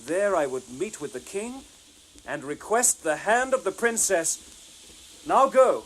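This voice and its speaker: An actor playing an earnest, bold young lad of humble birth, declaiming in an audio storybook. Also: male voice, high voice, sing-song, slow pace, heavily acted, poor audio. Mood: bold, ardent. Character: earnest, bold young man, poor tailor's son.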